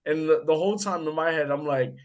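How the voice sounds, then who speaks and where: A young American man hosting a casual chat, telling animated stories and swearing freely. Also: on the high side, fairly quick. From United States. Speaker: podcast host.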